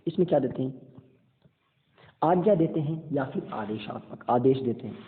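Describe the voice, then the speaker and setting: Hindi teacher in an echoey, tinny recording. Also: male voice, medium pitch, moderate pace, a little hiss or hum. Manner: animated, repeats points and checks understanding. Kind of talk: exam-prep grammar lesson. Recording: echoey hall, tinny phone-like sound.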